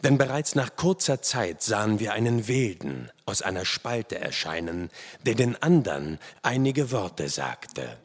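A man reading a first-person adventure story aloud in a dramatic, expressive way. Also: fairly low pitch, a little slow. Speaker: audiobook narrator. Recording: long hall reverb.

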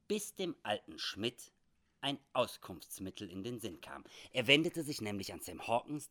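A man narrating an adventure story as an expressive audiobook reading. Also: on the low side.

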